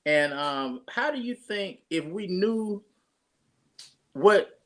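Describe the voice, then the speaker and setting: A man's voice: sits high, expressive, slow. A pastor, talking casually and rambling through his introduction of a guest with many restarts.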